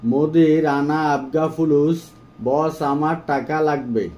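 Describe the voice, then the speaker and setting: A man giving a phrase-by-phrase language lesson, saying each phrase and then repeating it slowly and carefully. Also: a little high, steady tone, a little mellow. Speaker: language teacher.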